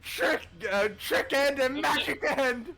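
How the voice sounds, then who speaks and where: A man's voice: very high voice, takes it slowly, creaky, pitched above the performer's own voice, exaggerated voice. A man voicing a boastful, noisy detective with an exaggerated Southern American accent, in a theatrical read of a visual novel. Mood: excited, showy. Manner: noisy, theatrical, over-excited. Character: loud, boastful, bumbling human-looking detective game piece. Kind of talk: comic amateur voice-over of a visual novel.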